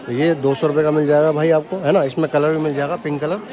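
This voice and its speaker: A young man with a somewhat high voice walks a bustling outdoor market, quizzing stallholders on prices and relaying each one to viewers. He talks into a handheld camera. Loud crowd chatter fills the background. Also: fairly even intonation, fast talker. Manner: asks vendors prices and repeats them to viewers. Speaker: market vlogger. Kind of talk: casual walkaround vlog. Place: busy outdoor street market. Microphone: handheld camera, point of view and selfie.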